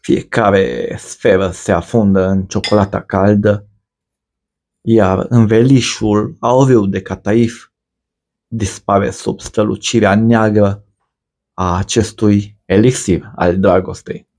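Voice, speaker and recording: Low-voiced man narrating a recipe poetically. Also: fairly even intonation, darkish tone. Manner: measured, ornate storytelling delivery. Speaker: cooking video narrator. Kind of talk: scripted poetic voice-over narration.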